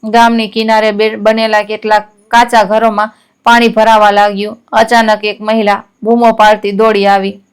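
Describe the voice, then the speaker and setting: A woman narrating a scripted story in a steady, measured reading. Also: mid-range voice, smooth.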